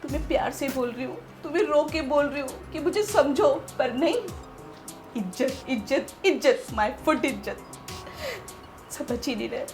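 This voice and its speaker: An actress playing a lonely, manipulative young sister-in-law in a short film drama, coaxing and pleading. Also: female voice, high voice, a little slow, darkish tone, soft background music. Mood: bitter scheming. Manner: coaxing, pleading, then bitterly scheming.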